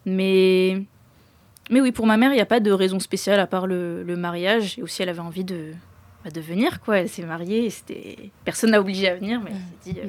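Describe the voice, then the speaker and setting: A young woman talking in a relaxed, chatty way during a casual group discussion. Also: on the low side. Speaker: discussion co-host.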